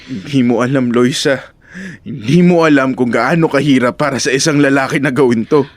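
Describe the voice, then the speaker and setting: An actor playing an insecure young boyfriend in a radio drama, talking in a lively, pleading way. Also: male voice, mid-range voice, fairly quick, slight background noise, natural voice. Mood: ashamed.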